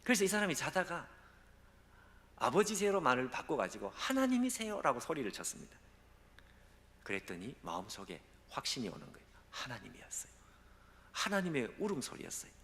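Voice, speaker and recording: A male guest pastor preaching a sermon, telling a story with strong emotion and moving between hushed and loud delivery. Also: mid-range voice, very animated, fast talker. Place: church sanctuary during a live dawn service. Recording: long reverb of a large church hall.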